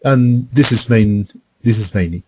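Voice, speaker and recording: A man hosting and moderating an online webinar through a computer mic, speaking haltingly with fillers and repeated starts. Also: lowish voice, warm tone, slight background noise. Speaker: webinar host. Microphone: computer mic on an online call.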